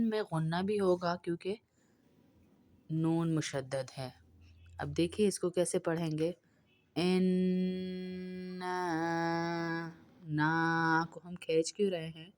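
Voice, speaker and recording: A woman teaching Quran recitation, switching between brisk explanations and slow, drawn-out demonstration of each word. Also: fairly low pitch, darkish tone, dry recording.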